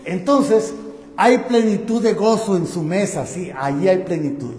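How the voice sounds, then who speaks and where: A man's voice: sits high, animated, measured pace, darkish tone, slight background noise. A man preaching a sermon, putting rhetorical questions to his congregation. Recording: echoey hall.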